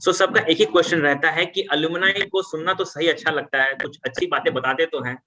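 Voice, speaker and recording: A man moderating an alumni panel, asking questions hesitantly with many filler pauses. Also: fairly high pitch, pushed and bright. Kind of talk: conversational panel talk.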